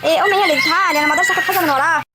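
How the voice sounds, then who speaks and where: A woman voicing a nervous young village man in love, speaking with a rural Egyptian accent in a hushed, worried way. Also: extremely high pitch, rapid-fire. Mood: evasive. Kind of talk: amateur village drama acting. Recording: loud outdoor noise, chickens.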